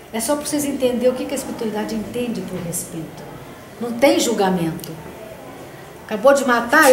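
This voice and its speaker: Older woman, slightly high voice, conversational storytelling, study group facilitator, echoey room, background noise. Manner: anecdotal, conversational, frequent "né?". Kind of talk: spiritist study group talk. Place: meeting room of a spiritist center. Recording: roomy echo with background noise.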